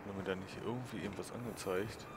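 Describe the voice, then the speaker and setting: Low-pitched man musing over gameplay. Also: steady tone, fast, heavy background noise. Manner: musing, thinking aloud. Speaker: let's play host. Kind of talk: casual gameplay commentary. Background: game music.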